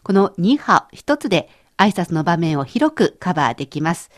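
A woman's voice: fairly low pitch, sing-song, moderate pace. A woman co-hosting a scripted language lesson, explaining phrases in a conversational way. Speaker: language teacher co-host.

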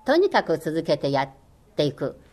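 A woman's voice: low-pitched, very animated, normal speed, darkish tone. An older woman whose first language is Chinese, a former radio language lecturer, answering interview questions in an earnest, encouraging way with many hesitant fillers.

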